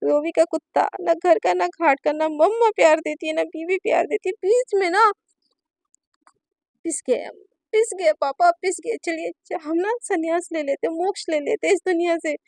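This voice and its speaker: A woman voicing a flustered, melodramatic young woman who talks loudly and whines. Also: very high voice, moderate pace, vocal fry, no echo. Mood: whiny. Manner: loud, whiny, melodramatic.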